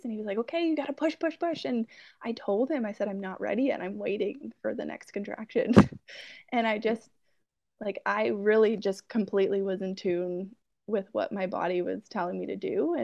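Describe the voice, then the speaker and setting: A woman's voice: mid-range voice, creaky, darkish tone, no room sound, dull audio. A young woman guest on a podcast interview, recounting her birth story in a reflective, rambling way with fillers and light laughs.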